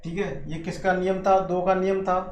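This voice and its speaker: A male maths teacher with a high voice leads a classroom lesson at normal speed and in a steady tone. He tends to go over points again and answer his own questions, and the room is echoey with a faint hiss.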